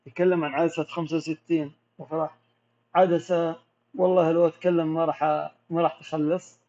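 A macro photographer with a Gulf Arabic accent answers viewer questions during a casual live Q&A, explaining things in a relaxed way. His voice sits on the high side and moves briskly, and the audio is dull and lo-fi.

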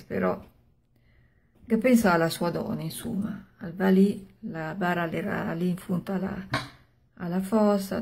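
An older woman with a Milanese accent tells a story aloud in a husky, gravelly voice. She speaks colloquially, as if chatting, in short phrases, and plays out the characters' exchanges herself. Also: lowish voice, a little mellow. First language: Milanese dialect. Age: 60s. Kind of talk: oral storytelling of an old horror tale, acting out dialogue. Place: small room at home.

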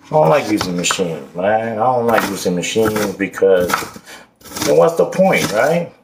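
Filming a laid-back cooking vlog in his home kitchen, this man brags and cracks jokes in street slang, his lowish voice swinging widely in pitch at a normal pace, with vocal fry. The counter-level camera picks up the clatter of chopping in the noisy room.

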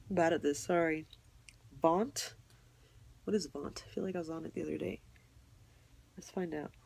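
A young woman walks through her apps in a loose, rambling way, hedging and apologizing as she goes. Her voice sits fairly low, with a gravelly, creaky edge and a slight huskiness. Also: warm tone. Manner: rambling, self-deprecating, apologetic, unsure. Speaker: YouTuber showing her tablet apps. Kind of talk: casual screen walkthrough.

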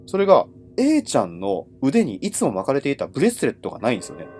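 A man telling ghost stories as a livestream host in casual, conversational speech, with dramatic pauses and phrase endings that trail off. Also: mid-range voice, huge pitch swings, a little mellow, a little hiss or hum. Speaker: horror storyteller and host.

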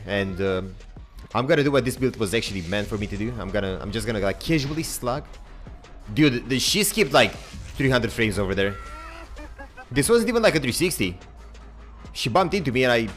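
A young man casually commentating his own gameplay, chatty and excitable, swearing now and then and talking to his viewers. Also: fairly low pitch. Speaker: game streamer.

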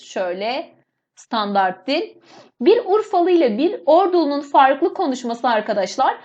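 Female teacher, high voice, patient step-by-step exam explainer, slightly muffled lo-fi recording. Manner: explains step by step, often addresses students as "friends". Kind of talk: exam walkthrough lesson.

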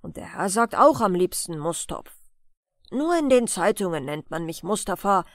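A bragging male circus horse from a bedtime storybook, sociable and fond of his own importance, as a woman puts him on. He speaks up boldly with a lively, swinging melody, close and dry. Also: fairly low pitch, moderate pace, dry recording. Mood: boastful. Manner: proud, sociable, louder, a bit grand.

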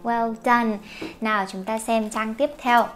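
A woman's voice: a little high, steady tone, measured pace, soft background music. A young woman teacher who explains a song, translates lines and points out pronunciation, singing parts herself. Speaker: English teacher teaching through songs.

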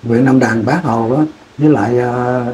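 A man's voice: mid-range voice, steady tone, moderate pace, darkish tone, a little hiss or hum. A man, recalling his war years in an interview, rambling and repeating words as he restarts sentences. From Vietnam. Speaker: veteran interviewee. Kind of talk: oral history war recollection.

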